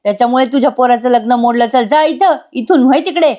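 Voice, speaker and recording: Woman doing a sneering village uncle, brushing people off, highish pitch. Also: fast, warm tone, natural voice. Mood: taunting. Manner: taunting, dismissive. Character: scheming middle-aged village uncle, mocking.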